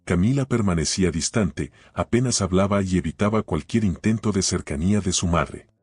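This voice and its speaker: Male narrator, low husky voice, solemn scripted storytelling, dry close mic. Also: a little fast, a little mellow, dry recording, soft background music.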